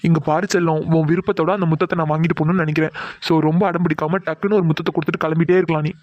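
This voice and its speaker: A man voicing a fast-talking sneering college bully. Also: on the high side, flat delivery, no echo, dull audio, lightly acted. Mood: taunting. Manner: taunting, coaxing, then whiny and begging. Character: young male college bully, sneering then pleading. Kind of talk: cartoon drama voice acting.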